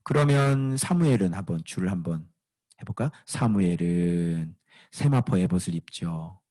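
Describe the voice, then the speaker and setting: Animated husky male pastor preaching. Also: low voice, normal speed, dry recording. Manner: animated, asks the congregation questions, rises to shouting emphasis. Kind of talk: sermon.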